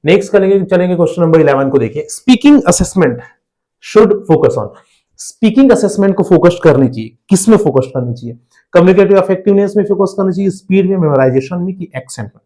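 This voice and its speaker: A man's voice: sits high, expressive, fast, mellow. Indian man teaching with rhetorical questions. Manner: explains step by step with repeated rhetorical questions. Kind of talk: exam prep lesson.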